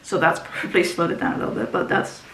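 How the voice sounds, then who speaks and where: A woman book vlogger, a native Dutch speaker, rambles through casual book talk at a quick pace, her voice a bit bright. She keeps restarting and saying um. There's slight background noise, faint ambience, and a roomy echo.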